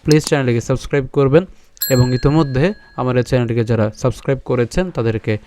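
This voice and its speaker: A man teaching a scripture class, slowly breaking verses into syllables and chanting them, often pausing to ask and answer his own questions. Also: mid-range voice, steady tone, dark tone. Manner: repeats "ঠিক আছে" and asks himself questions. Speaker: Gita teacher. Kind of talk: recitation lesson on Sanskrit pronunciation.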